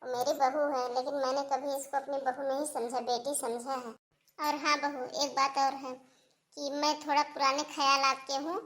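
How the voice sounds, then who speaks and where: A woman's voice: sits high, a bit bright. A woman voicing a scheming, two-faced older mother-in-law in a cartoon, sugary to her son and smug behind his back. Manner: sugary scolding, then smug and sly. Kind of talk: cartoon voice acting.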